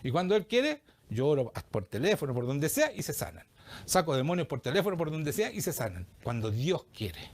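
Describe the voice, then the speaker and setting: Male preacher, Chilean accent, highish and very expressive delivery, questions the congregation often. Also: normal speed. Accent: Chilean Spanish. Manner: animated, acts out quoted voices, asks the congregation questions. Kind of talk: sermon.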